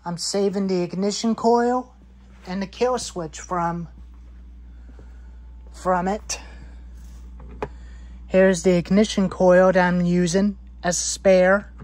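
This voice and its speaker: A woman's voice: fairly low pitch, fairly even intonation, slow pace, long pauses, a little mellow. A woman in her twenties, rambling about saw parts, repeating herself and listing items in a cluttered garage. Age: 20s. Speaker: chainsaw hobbyist vlogger. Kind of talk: rambling show-and-tell in a workshop.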